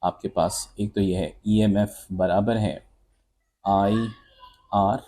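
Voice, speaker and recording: Low, unhurried man teaching physics. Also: fairly even intonation, warm tone. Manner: explains step by step, calls students beta and bhai. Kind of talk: exam solution walkthrough lesson.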